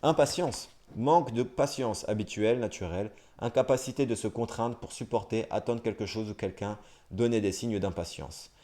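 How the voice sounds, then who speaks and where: A young man streaming live, reading dictionary entries aloud at a brisk clip and breaking off for wry, self-mocking asides. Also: fairly low pitch, dark tone. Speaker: livestreamer.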